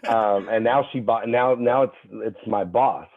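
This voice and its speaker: A young man, a fitness trainer appearing as a podcast guest, telling stories in an animated way, full of fillers and restarts. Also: lowish voice, a little slow, a crowd in the background. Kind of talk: casual chat. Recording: tinny phone-like call audio.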